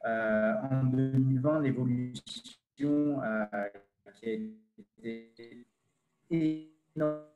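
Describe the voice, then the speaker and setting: A man's voice: mid-range voice, steady tone, very slow, dull audio, over loud music. A man giving a business presentation over a remote call, his voice glitchy, robotic and cutting out, talking hesitantly with many fillers. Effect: glitchy robotic call audio, cutting out. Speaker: webinar presenter. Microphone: remote video call.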